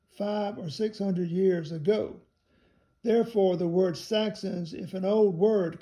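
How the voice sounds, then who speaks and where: A man with a high, gravelly voice reads a book aloud in a measured, careful way. He spells out some words letter by letter as he goes. His tone is dark and mellow. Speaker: reader of a theology text.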